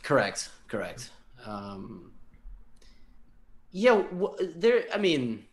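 A man's voice: medium pitch, sing-song, extremely slow. Rambling male chess streamer. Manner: rambling, full of restarts and asides. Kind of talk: casual stream chat.

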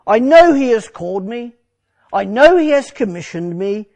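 A preacher speaking as aged Moses, gravelly and lively. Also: male voice, extremely high pitch, normal speed, pitched above the performer's own voice, full character voice. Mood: earnest. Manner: earnest, storytelling, rising to pleading. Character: aged male Moses telling his story. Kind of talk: first-person dramatic monologue sermon.

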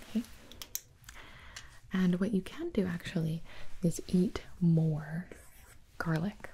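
Slow, whispering young woman, doctor role-play. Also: on the low side, slight background noise. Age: young adult. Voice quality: soft, breathy unvoiced whisper. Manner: slow, gentle, reassuring. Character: calm, attentive female doctor examining a patient. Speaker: ASMR performer playing a doctor.

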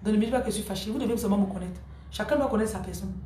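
A woman's voice: mid-range voice, racing, dark tone, roomy sound, slight background noise. A woman spiritual coach giving a live-streamed spiritual teaching, emphatic and repeating her key phrases, answering viewers' comments by name.

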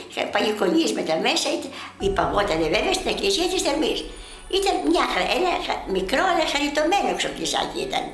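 Older woman telling a lively story. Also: fairly high pitch, reverberant. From Lesvos, Greece. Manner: vivid, animated storytelling with dramatic pauses. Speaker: eyewitness. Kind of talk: storytelling testimony.

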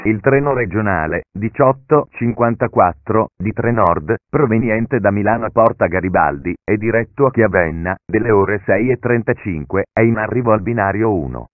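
This is a man's automated train station announcement, delivered in calm, segmented phrases that sound pieced together, with sudden pitch jumps between chunks. The voice sits fairly low. It comes through a narrow, phone-like public address channel with no room sound around it. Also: normal speed, long pauses, no room sound. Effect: announcement heard as a recorded station PA message. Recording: narrow, phone-like, dry PA audio.

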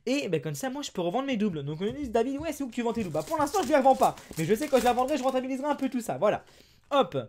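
A man with a French accent narrates his card openings in a lively, sing-song voice that swoops up and down. He chats to viewers casually, bursting into excited exclamations over good pulls. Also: extremely high pitch, racing, slight background noise. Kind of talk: casual unboxing chat.

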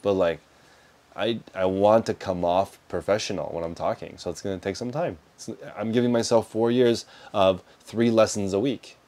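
An American man who hosts a reselling business answers viewer questions in a casual livestream Q&A, staying practical and conversational and gesturing with his hands as he talks. His voice is fairly low and dark, with fairly even intonation at a moderate pace. He wears a clip-on lapel mic in an indoor storage room lined with shelves of boxes.

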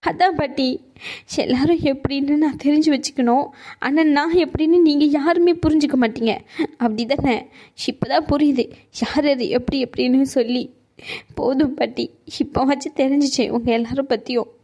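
A wounded young mother in a cartoon, with a high voice. She throws bitter, reproachful words at her family. The delivery stays proud and hurt. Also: fairly even intonation, normal speed, mellow. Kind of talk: cartoon voice acting.

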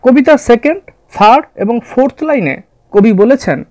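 A man narrating a scripted literature lesson in a measured, orderly way, addressing his students. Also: very high-pitched, animated, darkish tone, no room sound. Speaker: literature teacher. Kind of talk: scripted explanatory lecture narration.

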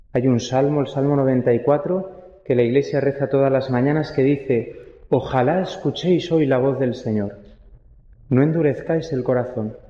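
A young man with a Spanish accent, preaching a sermon as a priest, reflective, with quiet rhetorical asides. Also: medium pitch. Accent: Spain. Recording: echoey church, long reverb, dull sound.

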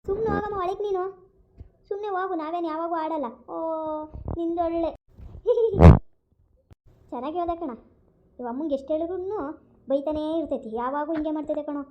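A woman doing a cheeky little kid, high-pitched. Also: fast talker, highs cut off, slight background noise. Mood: defiant. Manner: pleading, teasing, talks back. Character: cheeky young child, defiant and playful. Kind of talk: comedy skit.

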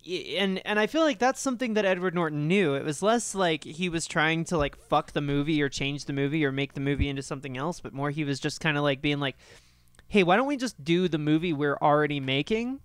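A man co-hosting a podcast, talking about a film in a rambling, animated, profane way. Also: a little high, fast talker, few pauses, clear, resonant tone, no room sound, studio quality. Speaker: podcast co-host. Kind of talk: casual film discussion.

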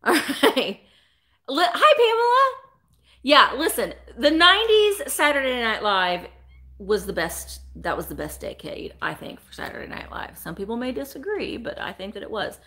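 Hosting a live sale stream, a chatty woman in her forties talks at a moderate pace in a bright, forceful, slightly high voice. She's animated, talkative, and upbeat, greeting viewers by name from a closely framed desk webcam in a small indoor room full of vintage decor.

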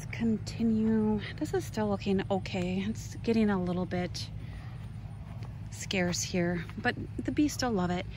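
During an off-the-cuff garden tour outdoors, a Minnesota, United States gardening vlogger chats casually at a medium pitch and measured pace, slipping into exclamatory asides. It was recorded handheld outside, noisy, with clear outdoor ambient noise.

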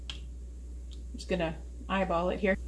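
A woman's voice: lowish voice, little pitch movement, takes it slowly. Woman talking thru a recipe at home, chatty, camera on a tripod, noisy kitchen. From United States. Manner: chatty, talks while working in the kitchen. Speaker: cooking video host. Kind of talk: casual cooking demonstration.

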